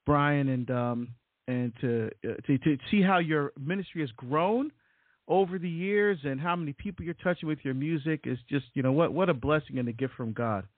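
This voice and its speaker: Here the Barbadian deacon and author, middle-aged, speaks at a moderate pace in a voice on the high side. He's an interview guest telling his story casually, heavy on fillers and repetition, over dry, tinny, phone-like audio.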